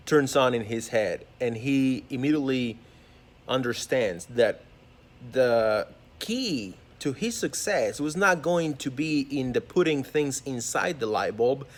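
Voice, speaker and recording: A man giving a reflective spiritual monologue as a holistic vlogger, earnest and musing, often restarting his phrases. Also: mid-range voice.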